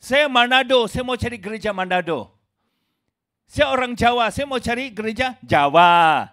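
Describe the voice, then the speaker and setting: A man preaching a sermon in an emphatic way, calling his listeners brothers and sisters, swinging from loud exclamations to low asides. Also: animated, moderate pace. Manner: addresses listeners as "saudaraku".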